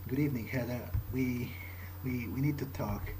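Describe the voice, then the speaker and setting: With video game ambience and background noise behind him, a let's player improvises a monologue as a brooding, guilt-ridden young male vampire, hesitating and often repeating his words. His mid-range voice keeps a normal speed.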